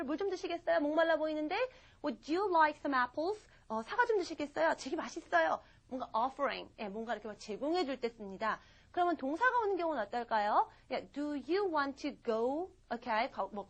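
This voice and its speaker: A woman teaching English in an online lesson, explaining step by step and answering her own questions. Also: high voice. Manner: switches into slow careful English example sentences.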